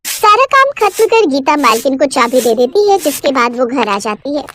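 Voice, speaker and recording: Woman storyteller, cartoon narration, high voice, animated pitch. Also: normal speed.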